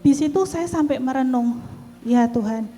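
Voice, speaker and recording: A woman's voice: sits high, normal speed, warm tone. A woman, giving an earnest personal testimony in church in a conversational storytelling way. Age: 40s.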